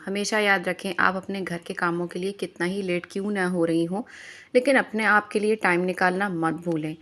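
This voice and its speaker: A woman, chatting in a voice-over about her home chores and giving friendly advice, with English phrases mixed in. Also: fairly low pitch. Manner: chatty, advising, mixes English phrases into Hindi. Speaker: homemaker vlogger.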